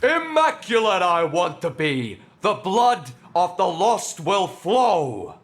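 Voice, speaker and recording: A fanatical game cultist with a high voice that swings widely. He declaims slowly and fervently, like a devotee reciting a bloodthirsty creed. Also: big pitch swings, heavily acted. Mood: fanatical fervor. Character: fanatical cult initiate chanting a bloodthirsty creed. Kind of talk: theatrical video game acting.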